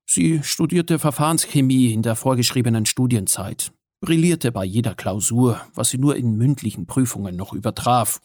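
Gravelly man reading a wry story. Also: medium pitch, darkish tone, no room sound, studio quality. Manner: measured, wry storytelling with occasional hesitations. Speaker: audiobook narrator. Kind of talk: first-person story narration.

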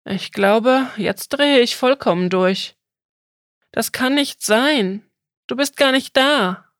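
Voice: mid-range voice, big pitch swings, slow pace, a bit bright, dry recording, clean studio sound, full character voice. A storyteller voicing a frightened, lost young boy who asks panicked questions in a raised, strained voice.

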